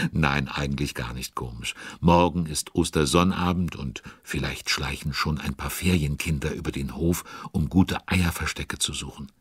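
In clean, dry studio sound, a man narrates a children's audio drama with a rumbling low, husky voice at a measured pace, fully in character. He's a chatty, musing storyteller who gets involved and slips in conspiratorial asides.

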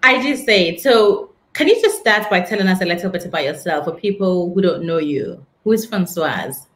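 A woman's voice: lowish voice, lively intonation, normal speed, fairly bright tone. A woman hosting a casual video-call interview, speaking in an effusive, praising way. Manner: effusive, praising, laughs often. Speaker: interview host. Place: indoor office with a frosted glass wall.

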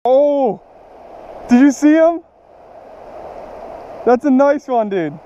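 A man hosting a fishing vlog while wading in a river, casual and excitable, filmed on a body-worn action camera. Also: extremely high pitch. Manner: excited, shouting at catches. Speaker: fishing channel host. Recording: dull action-cam audio, rushing river.

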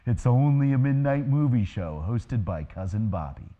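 A man's voice: mid-range voice, lively intonation, normal speed, dull audio. A man hosting a late-night horror movie show, giving film trivia with sarcastic asides. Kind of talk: TV host segment, trivia with jokes.

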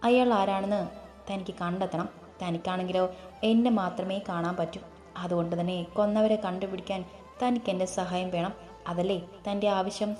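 A woman's voice: medium pitch, steady tone, normal speed, a little mellow, lightly acted. A woman voicing a comically frightened young heroine in a storybook reading, with pleading, rambling chatter. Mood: knowing. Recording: echoey room, faint music.

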